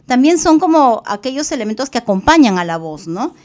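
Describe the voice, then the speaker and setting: A woman's voice: high voice, sing-song, brisk, a little mellow. Peruvian woman giving a psychology lecture. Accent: Peruvian Spanish. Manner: explanatory, with fillers and self-corrections. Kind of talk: recorded online lecture.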